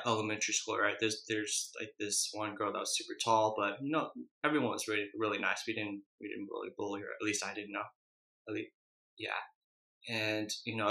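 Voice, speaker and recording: A man with a fairly low, bright and forward voice chats casually as he eats, chewing between and during phrases. He sounds like a mukbang host, recorded in a roomy, echoey space. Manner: chewing and eating while talking. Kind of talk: casual chat while eating.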